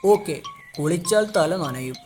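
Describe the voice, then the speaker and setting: A man's voice: on the high side, animated, a little slow, music in the background. A man voicing a simple-minded, good-natured male cartoon animal with a naive, plodding way of talking. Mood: naive, earnest. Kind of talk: cartoon voice acting.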